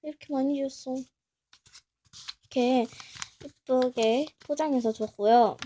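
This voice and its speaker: A young woman vlogger chatting casually as she opens a package, talking to herself and gushing with excitement. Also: fairly high pitch, a little slow, a little hiss or hum. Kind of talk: casual unboxing chat.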